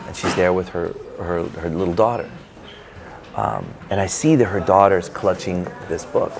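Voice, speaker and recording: A man, an author guest in an interview, telling a personal story in an animated way and acting out his own reactions, with many fillers. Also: low-pitched, gravelly. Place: bookstore event space.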